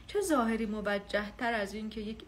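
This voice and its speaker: A woman's voice: mid-range voice, a little hiss or hum. A woman giving a live spiritual lesson on self-knowledge, speaking earnestly and conversationally, acting out inner voices and everyday exchanges.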